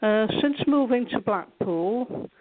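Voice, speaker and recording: A woman's voice: on the high side, animated, slow, background noise. A woman from England answering interview questions about her art, hesitant, with many fillers and restarts. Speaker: guest artist. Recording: tinny phone line.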